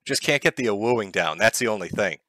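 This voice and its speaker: A man on a livestream putting on a pretend woman streamer talking through a voice changer that shifts the pitch deep, in a dry, mock-serious way. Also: expressive, a little fast, fairly bright tone, dry recording. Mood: deadpan. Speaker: livestream host. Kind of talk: joking livestream bit.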